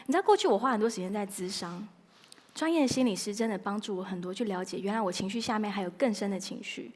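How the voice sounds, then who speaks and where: Lively woman pastor in a reverberant hall. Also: medium pitch, quick pace. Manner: lively, playful, acts out inner dialogue. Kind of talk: sermon.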